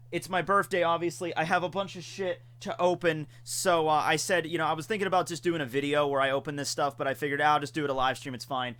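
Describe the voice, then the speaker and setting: A man's voice: fairly high pitch, pushed and bright. A man in his twenties chatting casually on a birthday live stream, reading out viewer questions and answering with frequent laughs. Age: 20s.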